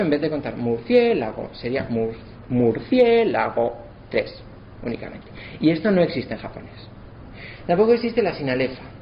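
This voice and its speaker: Guy teaching a class, kinda high voice, sounds out syllables slow, bit dull recording w faint hiss. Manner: spells out syllables slowly to demonstrate. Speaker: lecturer. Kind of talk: explanatory lesson. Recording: slightly dull, faint background noise.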